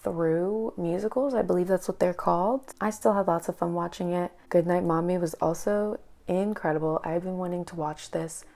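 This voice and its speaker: A young woman vlogging casually, chatty and full of quick asides. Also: on the low side, fairly even intonation, gravelly, warm tone. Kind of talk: casual chat.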